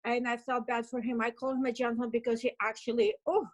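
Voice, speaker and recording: A Russian-accented woman in her fifties, guesting in an interview, tells her personal story with emotional, upbeat energy. She talks fast in a fairly high voice with little pitch movement, and says "like" and "you know" a lot.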